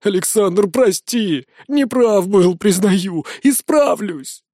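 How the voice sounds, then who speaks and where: A man's voice: lively intonation, slow, darkish tone, no room sound, clean studio sound, heavily acted. A man voicing a frightened boy called Rat, begging tearfully for help in an audiobook. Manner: pleading, tearful, high-pitched.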